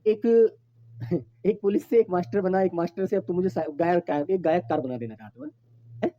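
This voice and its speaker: A man's voice: sits high, a little fast, lo-fi sound. A man teaching a Hindi exam-prep class online, calling his students his children and repeating each point patiently.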